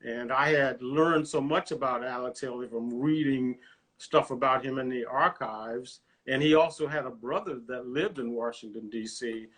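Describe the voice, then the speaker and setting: An older man from the US, a retired officer, recalling his career in a measured, proud way during a family chat. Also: mid-range voice, fairly bright tone. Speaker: guest, retired Coast Guard officer.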